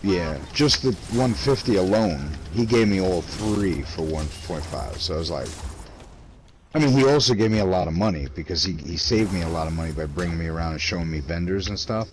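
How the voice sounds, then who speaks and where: A man's voice: sits low, expressive, a little fast. A man in casual gaming chat, telling rambling, informal and mildly salty stories to a teammate. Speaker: video game player chatting with a teammate. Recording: clearly noisy game stream voice chat.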